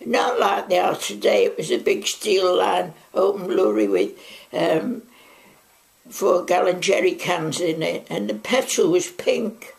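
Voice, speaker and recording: Speaking as an interviewee in an oral history, this Manchester woman in her nineties talks at a measured pace in an animated, gravelly voice that swings widely in pitch. Her Mancunian recollections ramble chattily with frequent side remarks, recorded on a lapel mic in her living room.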